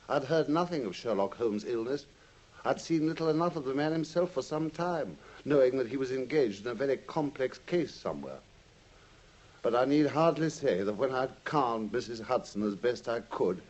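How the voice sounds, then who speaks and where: An actor playing an anxious, loyal Victorian doctor with an upper-class English accent, earnest and well-spoken in 1950s radio drama style. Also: male voice, mid-range voice, a little mellow, muffled recording, close to an everyday voice. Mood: grave, recollecting. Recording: faintly noisy 1950s radio recording.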